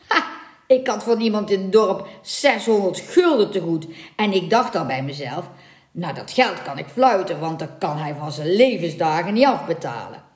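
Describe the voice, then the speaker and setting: A woman's voice: lowish voice, animated, moderate pace, close to an everyday voice. A woman voicing a boastful, sly older male village priest who gloats and roars with laughter. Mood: gloating. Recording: echoey room.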